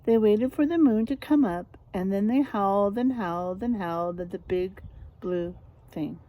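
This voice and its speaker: At normal speed and medium pitch, a woman gives an expressive, teacherly reading of a picture book for children, asking them questions along the way and emphasizing story words for effect. It's a rough recording.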